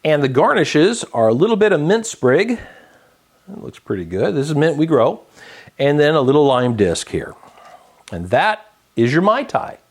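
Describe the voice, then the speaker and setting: A man hosting his own cocktail vlog, explaining a drink step by step in a relaxed, chatty way with many fillers. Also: fairly high pitch, moderate pace. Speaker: home bartender host. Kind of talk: casual cocktail-making vlog.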